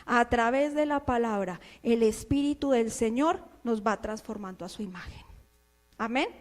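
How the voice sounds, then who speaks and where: A woman pastor preaching a fervent, scolding sermon, firing rhetorical questions at her listeners and swinging from low murmurs to shouts. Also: normal speed. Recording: long hall reverb.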